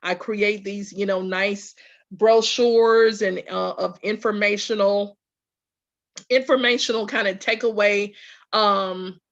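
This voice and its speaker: A woman's voice: mid-range voice, fairly even intonation, slow pace, a bit bright. Southern US woman, emphatic, in lo-fi audio. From Louisiana, USA. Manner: emphatic, repetitive lists, checks in with "okay" and "right". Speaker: spiritual group facilitator and host. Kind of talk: informal promotional talk to followers.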